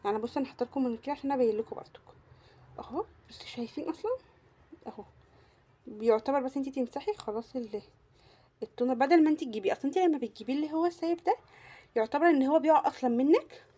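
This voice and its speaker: A woman's voice: high voice, rapid-fire, pauses often, dark tone. A young woman with an Egyptian Arabic accent, gushing through a casual beauty product review and repeating words for emphasis. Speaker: beauty vlogger.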